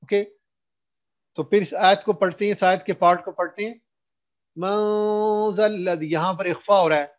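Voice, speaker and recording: A man teaching a recitation class, explaining in Hindustani mixed with English and slowly chanting drawn-out verses for students to repeat. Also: high voice, fairly even intonation, dull audio. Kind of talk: online recitation lesson.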